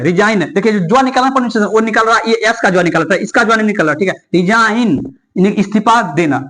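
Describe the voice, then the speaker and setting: Male English teacher, high voice, drills each rule by asking and answering his own questions. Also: fairly bright tone. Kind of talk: classroom-style explanation.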